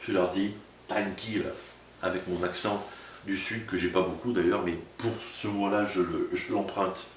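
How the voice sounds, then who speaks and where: A pastor with a low voice and fairly even intonation gives an informal, sermon-style talk to small groups at a normal speed, addressing the listener as tu and often asking "tu vois?". The recording has a roomy, distant echo, faint ambience, and a little hiss or hum.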